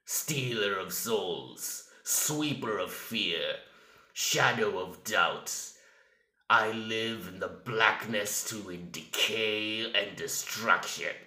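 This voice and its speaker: A menacing male Death, a grandiose villain who taunts mortals. The delivery is extremely slow, with a very forceful, sharp edge. It sounds theatrical, in a roomy, echoing space. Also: lowish voice. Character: Death, menacing male soul-eating entity sneering at mortals.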